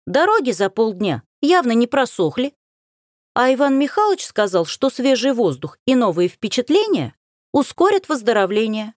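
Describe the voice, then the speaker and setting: A woman voicing a headstrong, teasing young girl in a high, girlish voice, in an audiobook read by one narrator. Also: very animated, normal speed, darkish tone, no echo, studio quality. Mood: pert. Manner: pert and spirited, with sudden exclaims.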